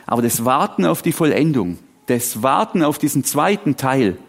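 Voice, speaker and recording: A pastor delivers a sermon in a voice of middling pitch for a man. His telling is animated and dramatic, with sudden falls into quiet, earnest asides. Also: normal speed, creaky. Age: 40s.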